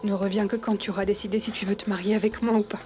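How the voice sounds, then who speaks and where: A woman's voice: mid-range voice, little pitch movement, racing, dark tone, faint music behind, lightly acted. An actress dubbing a loving young woman who stands firm with her partner, tender but resolute. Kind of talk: dubbed telenovela acting.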